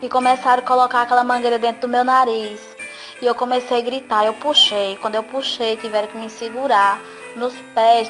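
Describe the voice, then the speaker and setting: A woman's voice: fairly high pitch, rough recording. A woman giving an earnest, emotional religious testimony. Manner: earnest, emotional storytelling with tearful pleas to God. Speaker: testimony giver. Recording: voice over loud background music.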